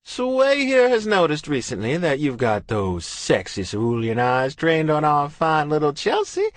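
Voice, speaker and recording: A man's voice: on the high side, sing-song, measured pace, no echo, voice pushed up. A man doing a flamboyant teasing hairdresser. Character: flamboyant theatrical male hairdresser. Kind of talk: audiobook character voice.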